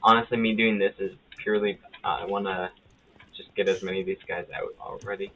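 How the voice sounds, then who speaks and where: A man streaming a video game live, chatting casually with a friend, rambling and correcting himself mid-sentence, and getting excited at small finds. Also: on the low side, brisk. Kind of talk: casual chat while gaming live. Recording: tinny phone-like audio with faint hiss.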